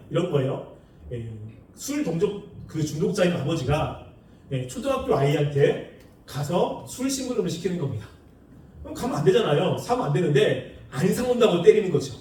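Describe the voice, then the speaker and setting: A man preaching a sermon in a lively, animated way, acting out the people he quotes with laughs. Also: high voice, a little hiss or hum. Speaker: pastor. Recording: echoey room, far from the mic.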